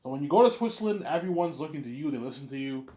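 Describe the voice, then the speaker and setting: In a personal series about a film he plans to make, a young man rambles casually, bluntly worded and often repeating himself or restarting phrases. His voice is fairly high, expressive and mellow, and he talks very fast.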